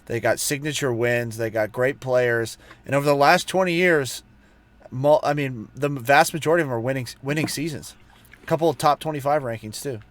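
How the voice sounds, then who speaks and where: A man's voice: mid-range voice, fairly quick. Conversational male sports podcast co-host. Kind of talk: casual sports debate.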